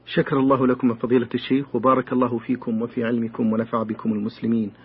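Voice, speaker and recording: A man's voice: mid-range voice, level tone, racing, slightly rough. A man hosting a religious radio programme, speaking formal Standard Arabic as he presents listeners' questions. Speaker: radio host. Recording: muffled lo-fi radio recording.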